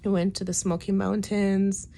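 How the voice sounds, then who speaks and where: A woman's voice: medium pitch, flat delivery, moderate pace, vocal fry, warm tone. A woman in her late thirties giving a casual, reflective video diary, sounding weak and tired after surgery, with hesitant, trailing phrases. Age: late 30s. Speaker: patient giving a personal health update. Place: hospital room. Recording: noticeable background room noise.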